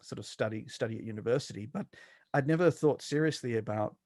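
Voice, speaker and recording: Speaking fast at a medium pitch, with a slightly mellow quality, a middle-aged South African scholar gives an academic interview. His mixed accent leans mostly Australian, and he's hesitant, full of fillers and restarts. It's a studio-quality recording with no room sound.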